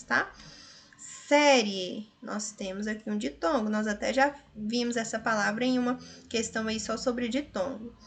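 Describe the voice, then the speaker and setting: Slow, deliberate Brazilian woman teacher. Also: fairly high pitch, fairly bright tone, a little hiss or hum. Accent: Brazilian Portuguese. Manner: slow, stretches out words she is analyzing. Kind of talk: grammar lesson solving exercises.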